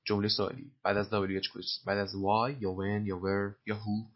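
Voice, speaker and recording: A man's voice: fairly low pitch, little pitch movement, muffled recording. A man teaching English by explaining film lines, patiently repeating words and spelling them out.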